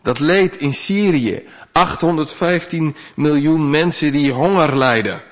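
A man preaching a sermon, earnest, rising to loud pleas and dropping to quiet asides. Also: a little high, measured pace. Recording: long church reverb.

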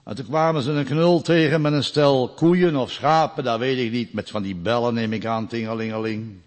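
A man preaching a sermon, growing loud and emphatic when he recites scripture and dropping to quiet storytelling asides. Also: medium pitch, normal speed, big-room sound.

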